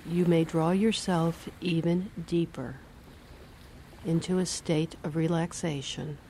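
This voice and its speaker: Slow, low, mellow woman guiding relaxation. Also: fairly even intonation, a little hiss or hum. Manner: slow, soothing, measured phrasing. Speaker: hypnosis guide. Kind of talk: guided relaxation script.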